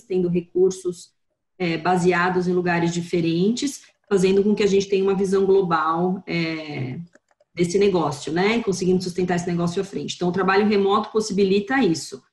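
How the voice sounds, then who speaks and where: Woman, Brazilian accent, 30s, guest over a video call, roomy echo, pauses to think. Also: fairly low pitch, darkish tone. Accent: Brazilian Portuguese. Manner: thoughtful, many hesitations. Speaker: guest marketing director.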